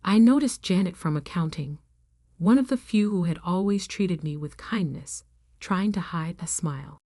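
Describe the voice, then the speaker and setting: A woman with a fairly low voice reads a dramatic first-person story aloud. Her delivery is steady and even, and the recording is dry, with no room echo. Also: moderate pace. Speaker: narrator.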